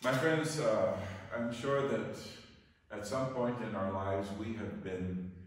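Older priest in a cathedral-like echo, very slow. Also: male voice. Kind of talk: Gospel reading and homily at Mass. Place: inside a church, at a lectern. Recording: very echoey church, distant mic, low rumble.

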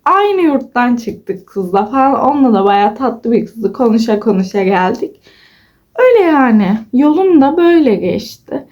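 Muffled and a little mellow, a woman's slightly high voice moves in big pitch swings at a moderate pace. She's a twenty-something vlogger chatting with followers, recounting stories and acting out quoted dialogue with giggles.

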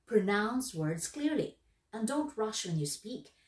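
A woman giving instructional narration on workplace skills in a lively, emphatic, instructive way. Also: medium pitch, unhurried. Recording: echoey room, voice from far off.

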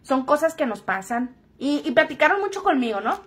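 High-voiced joking woman. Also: very animated, brisk, fairly bright tone. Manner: joking, frank and crude-spoken. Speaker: vlogger. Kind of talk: casual storytelling to camera.

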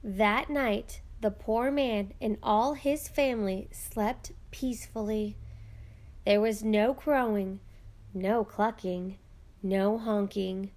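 A woman narrating a children's picture book aloud with slow, expressive storytelling. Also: mid-range voice.

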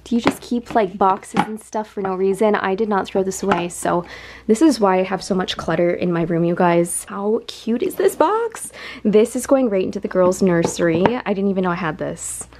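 Chatty woman vlogger with a gravelly edge. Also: mid-range voice, animated, normal speed. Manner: chatty, thinks aloud, gushes over finds. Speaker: beauty vlogger. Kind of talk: casual chat while tidying. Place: pink beauty room at home, indoors. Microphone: camera mic, moving around room. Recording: noisy home room recording.

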